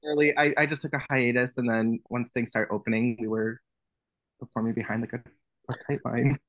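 A man's voice: medium pitch, fairly even intonation, a little fast, fairly bright tone, dry recording. A man from New York City, a guest drag performer, chatting casually and laughing often. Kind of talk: casual chat.

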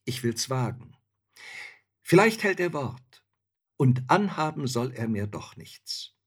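A man voicing a fearless, shrewd young male student in a storybook reading, answering calmly and matter-of-factly. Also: medium pitch, slow pace, husky, voice pushed up, exaggerated voice. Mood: firm. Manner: calm, matter-of-fact replies.

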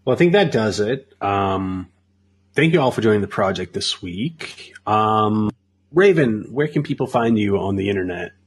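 A man hosting a podcast, thanking guests and asking where to find them in a relaxed, casual way. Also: lowish voice, moderate pace, husky. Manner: wraps up the show with thank-yous and questions. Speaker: podcast host. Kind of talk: casual chat.

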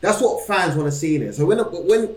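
A man with a London roadman accent and street slang, co-hosting casual football banter in an animated, emphatic way. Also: a little high, a little fast, a loud crowd. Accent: London, urban roadman slang. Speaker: podcast co-host. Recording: roomy, echoing room sound.

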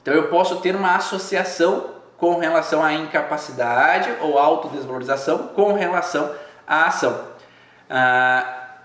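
A man's voice: on the high side, fairly bright tone. Man talking in an echoey room. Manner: reflective, repeats phrases, asks rhetorical questions. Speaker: host of a live video channel. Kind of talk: explanatory live-stream talk.

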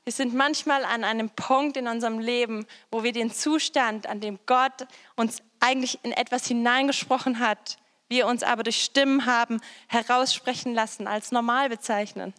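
A woman with a high voice delivers a sermon, addressing her listeners directly and returning again and again to the same phrases. Her words ring out with the long reverb of a large hall. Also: a bit bright. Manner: direct, repeats phrases, addresses listeners with "hey, weißt du was". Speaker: preacher.

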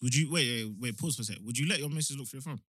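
A young man with a London roadman accent chats casually and slangily, giving animated opinions like a podcast co-host. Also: medium pitch, rapid-fire, breathy edge, no room sound. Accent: London roadman, multicultural London slang. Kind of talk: casual chat.

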